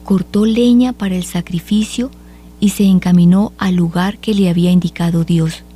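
A woman reading scripture aloud at a measured, solemn pace for a liturgy. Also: on the low side, fairly even intonation, warm tone, slightly rough. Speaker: liturgical reader.

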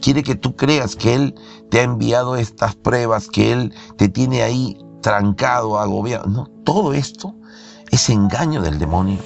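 A man preaching a sermon with fervor and emphasis, his voice jumping up into shouts at times. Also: mid-range voice, vocal fry. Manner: fervent, emphatic preaching with sudden raised shouts.

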